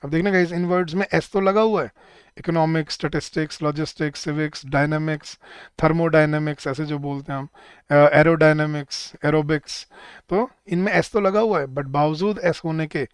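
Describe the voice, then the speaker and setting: A man's voice: fairly high pitch, steady tone, brisk, clean tone, dry recording, studio quality. Man teaching grammar. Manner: lists word pairs, quizzes students, calls them guys. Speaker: English teacher. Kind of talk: online exam-prep grammar lesson.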